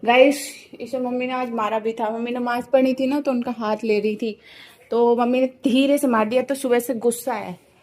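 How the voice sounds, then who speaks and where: A woman's voice: on the high side, steady tone, moderate pace, a little mellow. A young woman in a casual home vlog, chatting to viewers as "guys" and cooing at her cats while filming on a phone. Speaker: vlogger. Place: home and street outside after rain.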